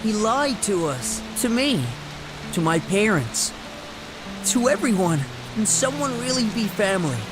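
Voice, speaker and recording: A woman's voice: medium pitch, sing-song, a little slow, poor audio. A woman playing an earnest, emotional young heroine in a video game, with music behind her. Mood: hurt, earnest. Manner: heartfelt, emotional. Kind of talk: dramatic video game character acting. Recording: loud music bed under the voice.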